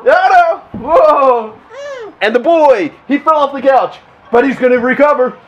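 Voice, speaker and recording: A man's voice: very high-pitched, fairly quick, highs cut off. A man filming his kids at home, giving a playful, teasing play-by-play like a sports announcer, picked up by the handheld camera he is holding. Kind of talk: casual home video narration. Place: family home. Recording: noisy home camera audio.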